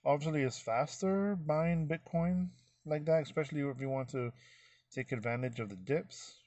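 A man's voice: a little high, moderate pace, a little mellow, no echo. A middle-aged man vlogging casually, walking viewers through his phone screen in a folksy, rambling way. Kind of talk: casual screen-recorded walkthrough.

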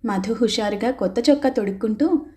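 A woman narrating a novel aloud in a steady storytelling manner. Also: on the high side, fairly quick. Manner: steady storytelling, voicing characters' lines. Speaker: audiobook narrator.

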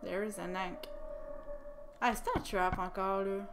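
A woman's voice: medium pitch, flat delivery, a little slow, background noise. A woman with a Quebec French accent, live-streaming a game and chatting to herself, with English words mixed in. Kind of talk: live gameplay commentary.

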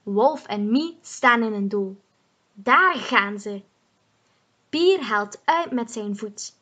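A woman reading a children's story aloud, slowly, clearly and carefully. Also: fairly high pitch, lively intonation, pushed and bright.

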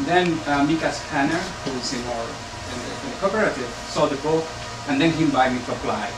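A man answers on a panel in a gallery bookshop room with an audience, halting through many restarts and fillers in an animated, mid-range voice. A far-off camera picks him up, so the room sounds echoey, with a loud air conditioning hum.

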